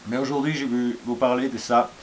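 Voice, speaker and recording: Speaking French hesitantly with an Austrian German accent, an Austrian man shows off his survival gear in a casual vlog, with frequent fillers and restarts. His voice is medium-pitched, and there's a little hiss or hum.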